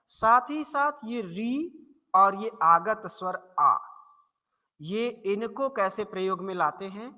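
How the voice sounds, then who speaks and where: High bright teacher voice in an echoey hall. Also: male voice. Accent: Hindi-speaking north Indian. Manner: slow, deliberate, repeats example words to model pronunciation. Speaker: Hindi teacher. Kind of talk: explanatory classroom lesson.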